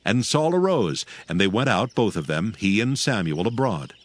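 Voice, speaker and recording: Lowish, animated male Bible narrator. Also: normal speed. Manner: formal storytelling delivery. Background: background music.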